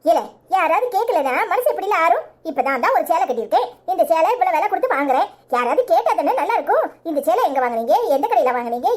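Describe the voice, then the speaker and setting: A woman's voice: extremely high pitch, a little mellow. A woman voicing a fussy, fashion-proud village wife in a cartoon, speaking Tirunelveli Tamil and complaining indignantly.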